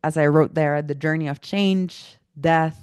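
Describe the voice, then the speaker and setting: A woman's voice: low voice, fairly even intonation, a little slow, darkish tone, clear, resonant tone, no echo, clean studio sound. A woman teaching an online workshop, talking casually with many fillers, her throat a little irritated. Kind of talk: online presentation talk.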